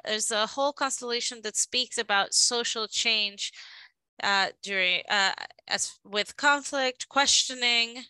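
Woman, live interpreter, halting, frequent restarts, crisp clear voice, dry sound. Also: on the high side, sharp tone, dry recording, poor audio.

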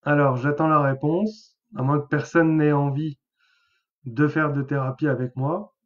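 A man's voice: a little high, fairly even intonation, measured pace, narrow, tinny audio. A man, a therapist hosting a live webinar, talking casually with many hesitations. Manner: chatty, hesitant with many fillers.

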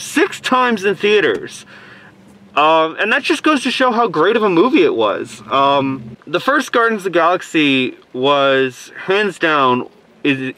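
A man's voice: mid-range voice, bright, forceful tone. A man with a cold and sore throat chatting casually to camera from inside a parked car, voice slightly muffled by a face mask, rambling and rephrasing as he reviews films. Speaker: movie review vlogger.

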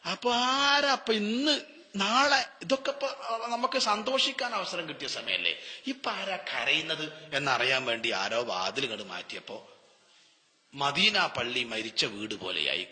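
Bright-voiced preacher in an echoing hall. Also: male voice, on the high side. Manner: dramatic storytelling with rhetorical questions and answers. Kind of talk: Ramadan sermon. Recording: long hall reverb.

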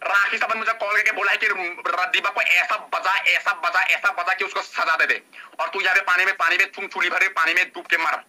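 Man, live-stream feud, high tense voice, relentless repetitive rant. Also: steady tone, brisk, pushed and bright. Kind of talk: heated online argument.

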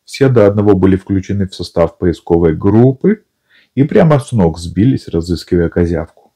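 A man narrating an audiobook in a calm, even storytelling manner. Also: sits low, moderate pace, husky. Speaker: audiobook reader.

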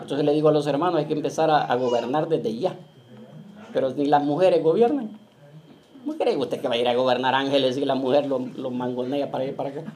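A male pastor preaching to his church, often checking in with the congregation and slowing down to read scripture aloud. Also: medium pitch. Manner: keeps asking the flock "¿verdad?"; reads scripture slowly and loudly. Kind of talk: Pentecostal-style sermon. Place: church in Las Vegas.

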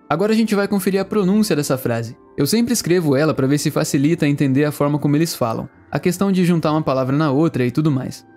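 A man's voice: fairly high pitch, a little mellow. Brazilian man teaching English pronunciation. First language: Portuguese. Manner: friendly, explains and repeats phrases slowly. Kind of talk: language lesson narration.

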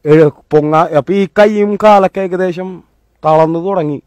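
A man giving a motivational talk, telling a personal story in a colloquial, animated way that swings between loud and hushed. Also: sits high, normal speed, no echo. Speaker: motivational speaker.

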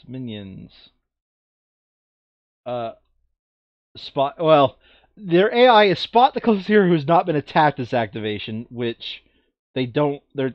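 A mid-range male voice reads out the enemy's moves in a casual board game, laying down the rules insistently and instructively. The sound is dry and comes through a dull, lo-fi mic.

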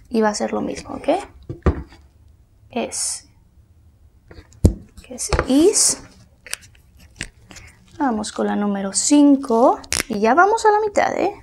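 A young woman with a Mexican Spanish accent, teaching English to Spanish speakers patiently, repeating words slowly and softly. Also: high-pitched, slight background noise. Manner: patient, repeats words slowly, drops to soft near-whispers.

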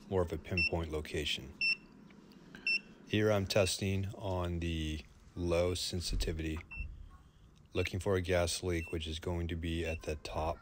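A man's voice: low-pitched, very noisy. A man, a plumber, talking through a product review in an easygoing, plain-spoken way.

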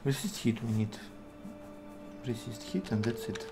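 A man in his twenties with a Russian accent, thinking aloud in halting fragments as he gives casual live game commentary. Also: mid-range voice, expressive. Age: 20s. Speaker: game streamer. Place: indoor room at a computer. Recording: music behind the voice. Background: music, keyboard typing.

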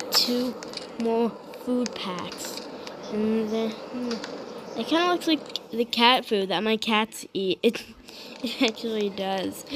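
Hushed, slow-talking woman gamer. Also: on the high side, background noise. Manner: hushed, half-whispered talk. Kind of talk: gameplay commentary.

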